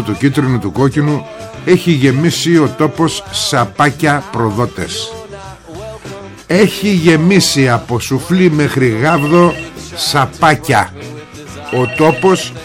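A male radio host delivering a mocking, combative political monologue, speaking straight to his listeners. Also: medium pitch. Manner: mocking, combative rant with rising indignation.

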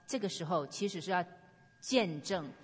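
A woman's voice: lowish voice, expressive, moderate pace, husky. A woman preaching earnestly, sharing testimony and urging her listeners on. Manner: earnest, exhorting. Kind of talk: sermon with personal testimony. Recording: long hall reverb.

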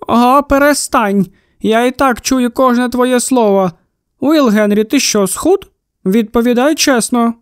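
Brief: storybook shopkeeper's wife, huge and loud, always in a foul mood; male reader doing the voice, raised pitch, dry close sound. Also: a little slow, clean tone, no room sound. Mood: grumbling. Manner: booming, snapping complaints.

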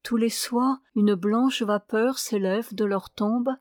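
A woman reading a translated prose poem aloud as an audiobook, in a measured, solemn way. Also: fairly high pitch, steady tone, a little mellow, dry recording, clean studio sound. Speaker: audiobook reader. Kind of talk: scripted narration of a prose poem.

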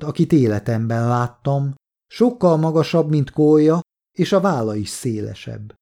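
A man narrating a novel in the first person as an audiobook, steady and measured. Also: medium pitch.

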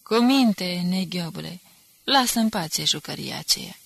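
A woman's voice: fairly low pitch, animated, creaky, dry recording. A woman reading the part of a menacing male undercover agent who talks in an ironic, threatening way. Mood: mocking.

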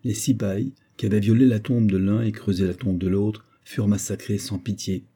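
Dark husky male narrator. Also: on the low side, fairly even intonation, a little fast. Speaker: audiobook narrator. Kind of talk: scripted narration of a novel.

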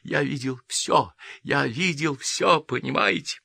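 A man voicing a hot-headed young lieutenant bent on revenge, speaking hoarse and clipped in an audiobook. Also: fairly high pitch, takes it slowly, sharp tone, no room sound, voice pushed up, heavily acted. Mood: anguished.

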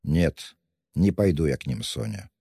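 A man's voice: very deep voice, animated, unhurried, creaky, warm tone, slightly rough, no room sound, clean studio sound, big-room sound, pitched below the performer's own voice, heavily acted. A man reading an audiobook, voicing a tormented, brooding young man with intense delivery. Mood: gloomy. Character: tormented young male murderer, feverish and brooding.

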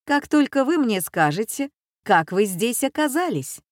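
A woman voicing a calm, clever boy in glasses who speaks in a measured way. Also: on the high side, no room sound, studio quality, voice pushed up.

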